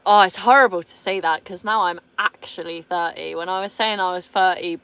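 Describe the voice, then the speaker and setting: Her voice is lowish, steady, brisk, clear and resonant, with a fairly bright tone. This thirty-something British vlogger casually reads viewer comments aloud, speaking bluntly, cursing freely and laughing a lot.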